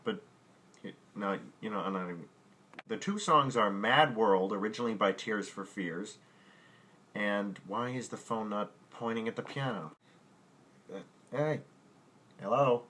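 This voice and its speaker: The voice is a man's, fairly low in pitch and a bit bright. He's a music podcast host teaching at the piano, and these casual lesson outtakes have him stumbling over words, laughing at his own mistakes and cursing under his breath, with his own piano or guitar playing behind him.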